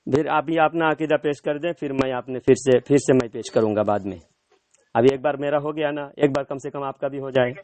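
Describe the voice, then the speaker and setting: A man's voice: mid-range voice, darkish tone. A man debating over the phone as a cleric, insistent and repeating his demands. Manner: insistent, repeats himself, pressing. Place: in front of an audience.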